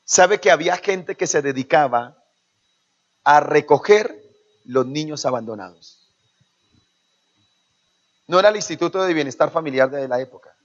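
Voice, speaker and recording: In a church, a pastor with a Colombian Spanish accent delivers a sermon in a fairly high, expressive voice at a moderate pace with long pauses. He calls out to the congregation for responses and voices quoted parents in changing tones, captured on a dull lo-fi recording.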